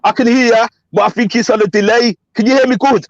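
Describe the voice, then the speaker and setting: A man's voice: very high voice, fairly even intonation, quick pace, a crowd in the background. A man calling into a livestream from his car over a choppy internet connection that keeps cutting off his words; he repeats himself to check he can be heard. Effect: choppy internet call cutting out mid-word. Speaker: guest calling into a fan livestream. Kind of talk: casual chat. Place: inside his parked car. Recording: dull lo-fi dry call audio.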